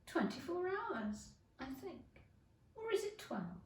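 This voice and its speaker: A woman's voice: very high-pitched, very animated, takes it slowly, a little mellow, voice pushed up, full character voice. A woman voicing an earnest, anxious, slightly prim little girl in a storybook. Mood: unsure. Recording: echoey room, distant microphone.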